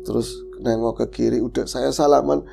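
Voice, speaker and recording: A man's voice: mid-range voice, steady tone, normal speed, creaky, over music. A man tells his life story in a casual interview. He speaks earnestly, as if making an emotional confession. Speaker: guest, reformed street thug.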